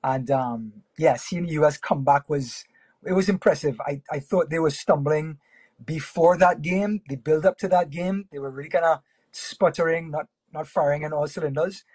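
Husky-voiced male sports broadcaster. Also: on the high side, no room sound. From Trinidad and Tobago. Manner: relaxed, friendly, with fillers and pauses. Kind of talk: casual interview chat.

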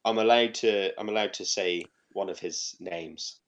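A man's voice: deep voice, normal speed. A British man in his thirties hosting a casual podcast, teasing his co-hosts with crude, mocking jokes. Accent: British English. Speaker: podcast host.

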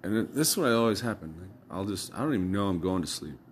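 A man's voice: low-pitched, animated, fast talker, slight background noise. A man talking casually in a loose, rambling monologue, cursing and chuckling as he recounts things. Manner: loose storytelling with swearing and laughs.

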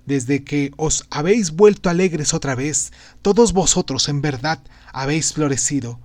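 A man's voice: a little high, normal speed, darkish tone, dry recording, lightly acted. A man reading aloud and voicing a grave, fervent male prophet-sage in a declamatory way. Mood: exhorting. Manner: declamatory, exhorting. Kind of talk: audiobook reading.

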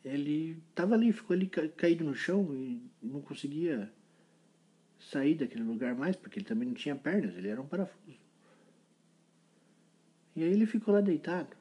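Man spinning a kids' story, playful, husky and warm. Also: a little high, a little fast, long pauses. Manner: playful, animated storytelling with sound effects. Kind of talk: improvised children's story.

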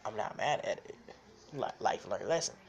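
A man's voice: fairly low pitch, lively intonation, normal speed, creaky, dull audio, a little hiss or hum. A young man hosting a podcast, telling candid, profane stories and laughing often. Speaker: podcast host. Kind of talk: casual storytelling monologue.

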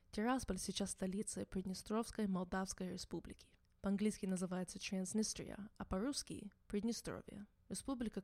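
A woman who grew up in the United States, narrating her podcast in a calm, measured storytelling manner. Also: medium pitch, no echo, studio quality. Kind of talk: scripted narration.

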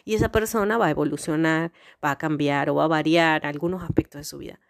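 A woman with a deep voice hosts a podcast, talking fast through life advice in a conversational monologue. She explains her points with rhetorical questions and examples.

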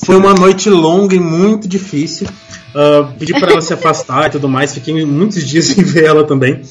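A man with a slightly high voice tells a story to friends over a voice call, animated and slangy, acting out what others said. Soft music plays faintly in the background. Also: normal speed. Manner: animated, slangy, acts out other people's lines. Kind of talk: casual chat with friends, telling a story. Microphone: headset or desk mic on a voice call.

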